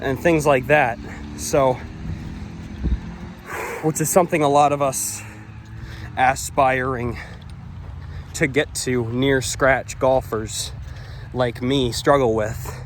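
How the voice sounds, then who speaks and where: A man's voice: mid-range voice, fairly even intonation, slow pace, pauses often. Rambling young man vlogging a golf round. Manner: chatty, rambling, talks to viewers as guys. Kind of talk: casual vlog commentary. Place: golf course outdoors. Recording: outdoor noise in background.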